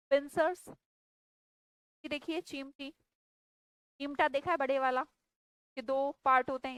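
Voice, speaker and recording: A woman's voice: a little high, clean tone, no room sound, low-quality recording. A woman teaching an English grammar class, firmly questioning and scolding students. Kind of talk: online class lecture.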